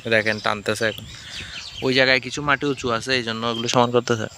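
A man with a bright, forceful voice chats informally for a vlog. He asks curious questions in plain, everyday words. The recording is outdoors in farmland, with faint field noise behind him. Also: mid-range voice, flat delivery, fast talker. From Chittagong, Bangladesh. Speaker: vlogger. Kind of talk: casual outdoor vlog chat. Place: outdoors in open crop fields. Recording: noisy open-air farmland, birds and vehicles.

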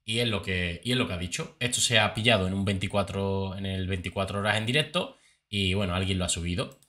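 A man with a deep, sharp-toned voice speaks fairly quickly, giving casual, chatty commentary on reality-show clips. His talk is full of fillers and repeated words.

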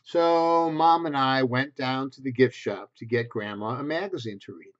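A man in his sixties reads a picture book aloud to preschoolers, expressive and simple in his phrasing, with little asides. His voice is medium in pitch at normal speed. He sits in a small bedroom at home, and a desk-distance computer webcam gives a dull lo-fi sound.

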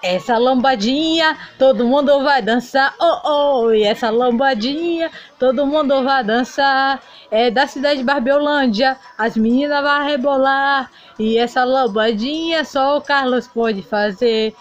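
A woman's voice: high-pitched, a little slow, few pauses, dull audio, soft background music. A woman voicing a heartbroken male doll singer in a toy play video, melodramatic and sing-song. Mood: showy singing.

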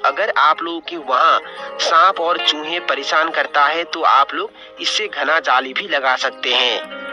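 A poultry farmer delivers scripted, step-by-step instructions in a slightly high voice. He explains things methodically and goes back over his points repeatedly.

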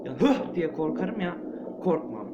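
A man with a fairly high, sing-song voice commentates a horror game while playing, talking a little slowly, muttering to himself and yelping in jumpy panic. The let's-play audio is muffled and lo-fi, with loud game ambience and a noisy background.

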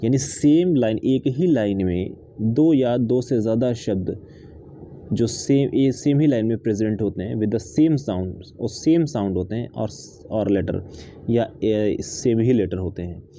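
Slow-talking man with a very dark voice. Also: lowish voice. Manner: reads English text slowly, then explains it in Hindi with fillers. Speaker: literature teacher. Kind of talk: explaining a lesson.

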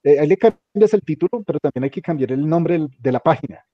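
A man's voice: on the high side, lively intonation, fast talker, no room sound. A man teaching a hands-on computer class, giving directions step by step and repeating them often. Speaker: instructor. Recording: dull lo-fi recording.

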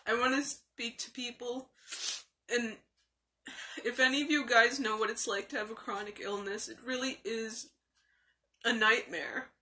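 A young adult woman, tearful and crying as she vents in an emotional, confessional vlog, speaking haltingly with weepy laughs. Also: on the high side, fairly even intonation, sharp tone. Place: small room indoors. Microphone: phone or webcam at arm's length.

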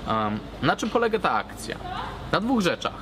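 Sitting at a garden table beside a brick wall outdoors, a Polish cigar blogger in his thirties talks casually to his camera in a halting, hesitant way. His voice is high with big swings in pitch, and clear urban background noise comes through.

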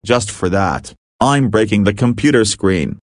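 A man's voice: on the low side, animated, unhurried, very noisy. A man playing a computer user who talks back defiantly. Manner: defiant, mocking.

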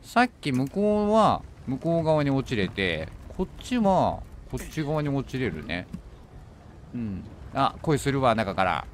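A man streaming a horror game, thinking aloud as he plays and bursting into alarmed shouts when enemies appear. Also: mid-range voice, big pitch swings, measured pace, slight background noise. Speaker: gaming streamer. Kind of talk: horror game let's play commentary.

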